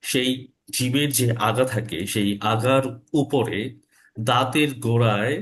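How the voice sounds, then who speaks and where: A man teaching Arabic letter pronunciation in an online lesson, slow and deliberate, repeating each sound for his learners. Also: mid-range voice. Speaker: Quran recitation teacher.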